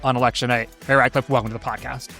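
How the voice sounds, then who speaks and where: A man's voice: medium pitch, level tone, racing, gravelly, sharp tone, faint music behind. An American man in his thirties hosting a podcast with casual, conversational political commentary. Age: 30s. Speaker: podcast host.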